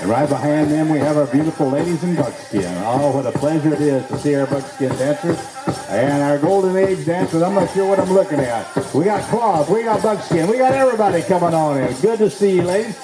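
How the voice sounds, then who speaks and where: A man working as a powwow emcee, announcing the grand entry to the crowd in a folksy, showman's manner with drawn-out phrases. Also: fairly high pitch, animated. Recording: echoey PA sound with music behind.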